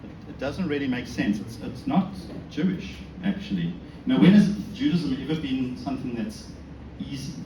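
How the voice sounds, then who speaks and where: This South African man's mid-range voice is mellow and expressive, running at normal speed with few pauses. Before an audience indoors in a synagogue, he gives an informal religious talk that is conversational and self-deprecating, often with rhetorical questions. It was recorded in an echoey room with a distant mic and background noise.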